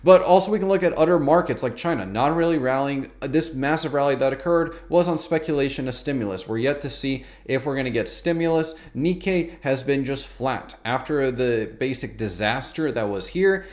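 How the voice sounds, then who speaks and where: A YouTube host in his thirties delivers emphatic, colloquial market commentary to camera, often repeating words for stress. He has a mid-range voice.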